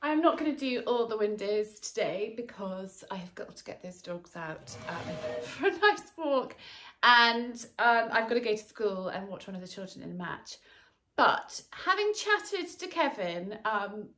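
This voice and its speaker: Her mid-range voice has a sing-song, unhurried quality and a sharp tone. She's a woman in her forties doing a friendly cleaning how-to at home, talking with plenty of fillers while she works, in a sunlit garden room that sounds echoey with faint noise.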